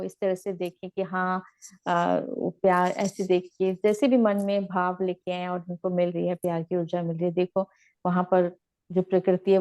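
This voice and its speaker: Gentle woman meditation teacher, mellow voice. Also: lowish voice, muffled recording. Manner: gentle, repetitive, instructive. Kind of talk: guided spiritual teaching.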